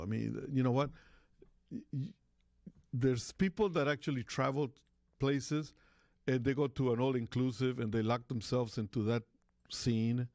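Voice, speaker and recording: Gravelly-voiced rambling radio host. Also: male voice, mid-range voice, darkish tone, dry recording, studio quality. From Costa Rica. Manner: rambling, with many fillers and restarts. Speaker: radio talk show host. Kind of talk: casual talk radio chat.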